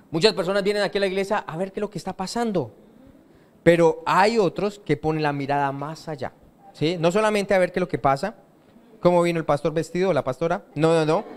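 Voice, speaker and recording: A man preaching a sermon in a church, asking the congregation questions and answering them himself. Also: sits high. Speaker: pastor.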